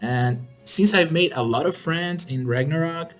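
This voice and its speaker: With faint music playing in the background, a man from Brazil chats through viewer questions in English, his Brazilian Portuguese accent clear since Portuguese is his first language. The gaming YouTuber's voice is a little high, bright, and unhurried, and the casual Q&A is upbeat and full of laughter.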